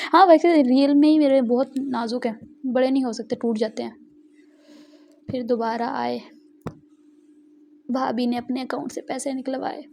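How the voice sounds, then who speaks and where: A woman's voice: high-pitched, steady tone, moderate pace, vocal fry, long pauses, darkish tone, slight background noise. A young woman, rambling and giggling as she tells a casual vlog story. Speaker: vlogger. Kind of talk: casual chatty vlog narration.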